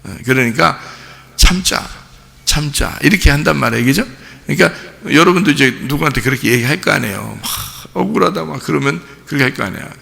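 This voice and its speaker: Male pastor, early-morning sermon, very gravelly voice, emphatic repetition, questions to the congregation, long church reverb. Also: medium pitch, lively intonation, fast, pushed and bright. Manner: keeps asking the congregation questions; emphatic, repeats key words. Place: church sanctuary.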